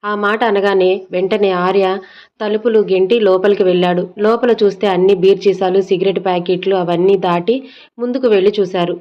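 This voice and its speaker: A woman's voice: mid-range voice, fairly even intonation, a little fast. Woman narrating a dramatic audio story. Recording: dull lo-fi recording.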